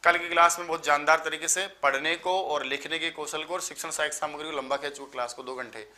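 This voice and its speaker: A tired male online Sanskrit teacher from Rajasthan, just woken up, gives a live exam-prep lecture in a bright, slightly high voice with fairly even intonation. He explains things, rattles off lists of terms in quick runs, and addresses students as sir.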